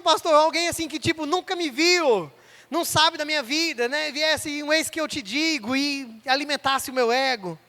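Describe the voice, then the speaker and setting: A man's voice: very high voice, pushed and bright. A young man preaching a sermon in church, telling a personal story and acting out the voices of the people in it. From Brazil.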